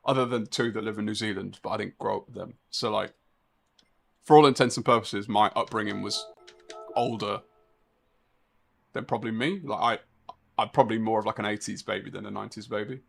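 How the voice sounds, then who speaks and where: A man in his thirties streams a racing game live, chatting casually and rambling, talking to chat and laughing often. His fairly low, creaky voice keeps fairly even intonation at a brisk pace with frequent pauses, and the recording has a little hiss or hum.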